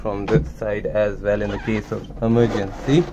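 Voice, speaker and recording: A young man talks through a casual guided tour on his handheld phone, explaining each part in a plain, matter-of-fact way. His voice sits low, and the dull, muffled recording carries a steady hum from machinery behind him. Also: moderate pace. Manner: explains plainly, mixing Hindi and English. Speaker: merchant navy officer vlogger. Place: inside a ship's lifeboat.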